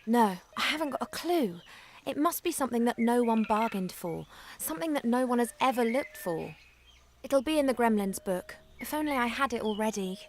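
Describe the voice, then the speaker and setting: An actress playing a plucky, chatty young elf adventurer in a video game, with a spirited delivery. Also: female voice, a little high, animated, moderate pace, a little hiss or hum. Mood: curious, musing. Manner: spirited, talking to herself and her bird. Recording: music under the voice.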